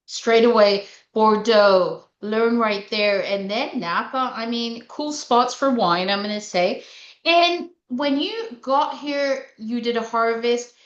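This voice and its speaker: Bubbly higher-voiced woman host, echoey. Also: slow, muffled recording. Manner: bubbly, enthusiastic, chatty with fillers. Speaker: sommelier host. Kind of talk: casual interview chat.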